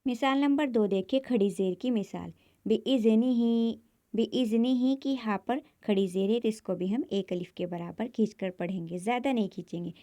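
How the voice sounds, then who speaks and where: A woman with a Pakistani Urdu accent gives a step-by-step recitation lesson at a middle pitch. She stretches each example word slowly and repeats every rule patiently. The sound is dry and close, with no room around it. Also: warm tone, no room sound. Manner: slow, drawn-out example words, repeats rules patiently. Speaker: Quran recitation teacher.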